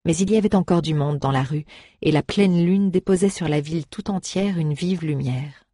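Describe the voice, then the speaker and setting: A woman narrating a fantasy novel in a calm audiobook reading, close to the mic. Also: low-pitched, moderate pace, a little hiss or hum.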